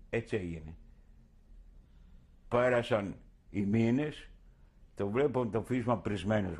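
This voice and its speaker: A man's voice: medium pitch, a little mellow, husky. An older man in an oral history interview, recounting his past vividly and acting out his own words.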